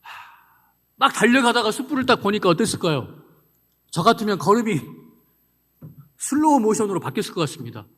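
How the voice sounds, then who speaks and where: Brief: a lively male pastor, fairly high voice, asking the congregation questions, with a long church echo behind him. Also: brisk, pauses often. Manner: animated, asks the congregation questions, acts out the scripture. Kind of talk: sermon. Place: church sanctuary. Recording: long reverb of a church hall.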